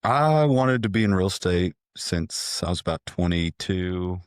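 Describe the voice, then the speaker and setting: A man's voice: deep voice, lively intonation, a little slow, smooth, no echo, clean studio sound. A man in his thirties, a real estate agent, telling his story candidly with frequent hesitations. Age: 30s. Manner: candid, hesitant with many ums. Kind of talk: casual interview.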